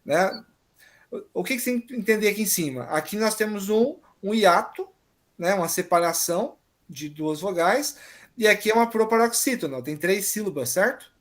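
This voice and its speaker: A man's voice: high-pitched, expressive, normal speed, a bit bright. A man teaching an online exam-prep grammar lesson, patiently explaining and often checking that students follow.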